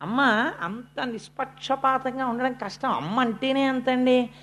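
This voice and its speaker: Devotional storyteller, slows right down for emphasis then rushes ahead, chants verses in between. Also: sits high. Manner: expressive, shifting between slow emphasis and quick narration, chanting verse. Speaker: religious discourse speaker.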